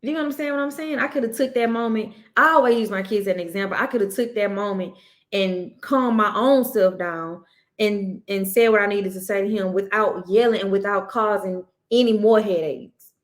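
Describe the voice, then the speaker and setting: A woman's voice: mid-range voice, moderate pace. A woman co-hosting a podcast, telling a family story about her child in an earnest, casual way, often restarting and circling back to make her point. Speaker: podcast co-host; mother.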